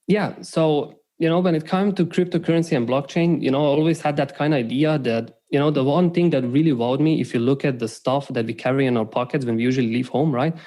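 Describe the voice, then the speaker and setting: A man's voice: medium pitch, quick pace, few pauses, dark tone. A young man from Slovenia, a podcast guest, talking casually and rambling, with many restarts and "right?" tags. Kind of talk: casual interview talk.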